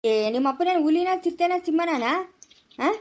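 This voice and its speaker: A woman playing a brash, fearless young male police inspector who taunts the people around him in a family skit. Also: very high voice. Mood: taunting. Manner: taunting, quick and emphatic. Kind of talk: amateur family skit acting.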